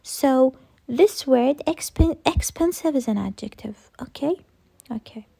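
A woman's voice: high-pitched, expressive, measured pace, gravelly, warm tone, husky. A woman teaching English grammar in a recorded lesson, repeating each rule and answering her own questions.

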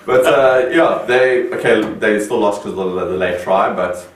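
A man's voice: fairly low pitch, moderate pace. A man hosting a casual sports chat show, loose and joking, talking with plenty of fillers and restarts. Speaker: show host. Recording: roomy, distant mic, faint noise.

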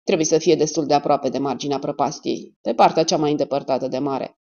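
Cold male detective, read by a woman, clipped orders, low voice, lo-fi audio. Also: dark tone. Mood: commanding. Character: cool, blunt male private detective. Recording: dull lo-fi audio.

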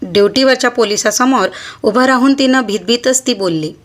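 A woman hosting her own channel, narrating a short story in a measured, expressive reading voice. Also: a little high.

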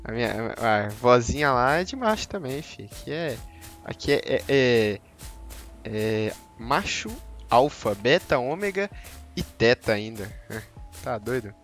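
Joking streamer, faint music. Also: male voice, mid-range voice, lively intonation, unhurried, fairly bright tone. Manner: joking, slangy, teasing the chat. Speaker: game streamer. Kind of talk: casual gameplay commentary.

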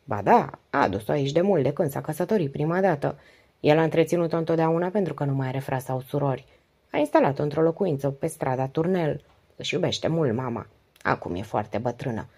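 A woman's voice: low voice, expressive, dark tone, husky, heavily acted. A woman reading the part of a devoted, weary wife in her late forties who confides in long, flowing speech. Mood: confiding. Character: 48-year-old wife, talkative, devoted, weary.

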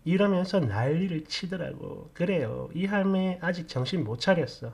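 A woman telling a story in a casual, blunt and sarcastic way, with an animated delivery. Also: lowish voice, normal speed, gravelly, husky.

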